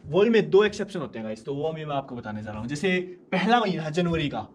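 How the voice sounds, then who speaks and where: A man teaching a language lesson in a casual way, slowly repeating words so learners can follow. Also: fairly high pitch, sing-song, slight background noise.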